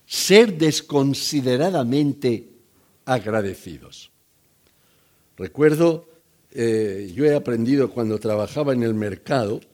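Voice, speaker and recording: Older man, sermon, conversational, acts out voices, lively pitch. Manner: conversational, joking asides to the congregation; acts out quoted voices in the story. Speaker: pastor.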